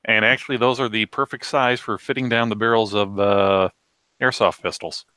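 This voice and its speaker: Bright-voiced man with dry jokes. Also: lowish voice, steady tone, moderate pace, clean tone, no room sound. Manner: dry joking, explains at length. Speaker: livestream co-host. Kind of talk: casual chat.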